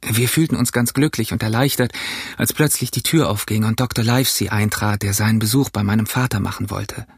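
A man narrating an audiobook in a steady, measured storytelling manner. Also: fairly low pitch, husky, no echo, clean studio sound. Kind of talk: audiobook reading.

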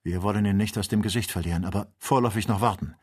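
A man voicing a composed male doctor who leads a balloon journey, speaking in a steady, reassuring way. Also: fairly low pitch, rapid-fire, husky. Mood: calm. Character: calm older male doctor, balloon captain.

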